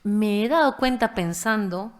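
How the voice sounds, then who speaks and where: A woman from Peru with a Peruvian Spanish accent, a writer and stage performer who speaks in a halting, thoughtful way at a panel talk. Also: medium pitch.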